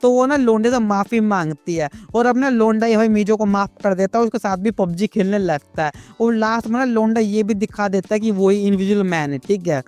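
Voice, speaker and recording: High-voiced man with crude, slangy narration. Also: a little fast, few pauses, a little mellow, no echo, faint music behind. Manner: casual, crude street slang, constant "bhai" asides. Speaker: manga recap narrator. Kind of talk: comic slangy story recap.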